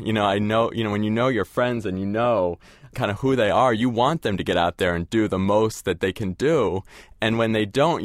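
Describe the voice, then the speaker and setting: Deep-voiced guy, co-author, reads a bit of his book then chats loosely, lots of you know, dry close mic. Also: no room sound. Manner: casual, many fillers like you know and kind of. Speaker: co-author, guest. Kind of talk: reading from a book, then interview answers.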